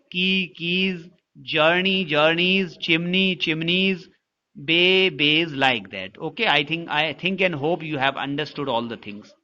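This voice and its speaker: A male teacher with an Indian English accent speaks slowly and deliberately in a bright, forceful voice. He spells words out letter by letter and puts questions to the class before he answers them. The recording is a little dull and lo-fi. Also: fairly high pitch. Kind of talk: classroom-style lesson in Hindi mixed with English.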